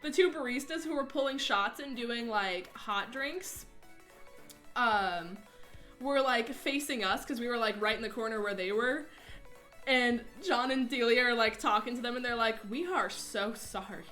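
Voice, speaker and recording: Young woman, casual stream chat, animated storyteller, bright and high voice, faint music behind. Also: moderate pace. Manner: animated, acts out quotes in mocking voices.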